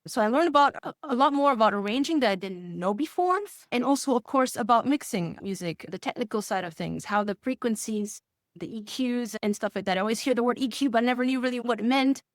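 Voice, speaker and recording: Her pitch on the high side and her speech fast, this woman is a music course student offering a testimonial. She answers interview questions in an enthusiastic, conversational way, chuckling often while explaining, in a studio recording free of room sound.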